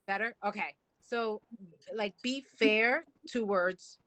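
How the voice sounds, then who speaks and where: A woman's voice: mid-range voice, fairly bright tone, no echo. Woman with choppy video-call audio. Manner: short halting phrases, spelled out slowly. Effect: choppy video call audio breaking up. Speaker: committee member. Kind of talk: meeting discussion.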